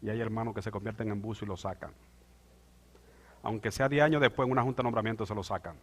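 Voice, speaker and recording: A male pastor preaching a sermon, moving from quiet asides to loud, drawn-out proclamation. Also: lowish voice. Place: church sanctuary. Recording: church hall with long reverb.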